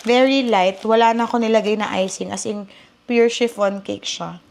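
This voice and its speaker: A woman's voice: mid-range voice, steady tone, moderate pace, creaky, a little mellow, a little hiss or hum. A woman in her thirties from the Philippines, chatting casually as a vlogger in her home kitchen and mixing Tagalog and English. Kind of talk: casual vlog chat. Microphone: small handheld camera. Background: background music.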